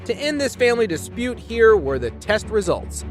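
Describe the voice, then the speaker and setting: Guy doing dramatic scolding video narration, swoopy highish voice, music under it. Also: sing-song, normal speed. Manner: exclamatory, scolding asides to those discussed. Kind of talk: dramatized commentary over court show clips.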